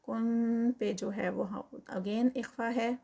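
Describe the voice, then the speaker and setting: A woman teaching Quran recitation. She chants verses slowly and drawn out, then explains the rules quickly, mixing in English counting terms. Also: a little high, steady tone, creaky, mellow. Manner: mixes English counting terms into her speech.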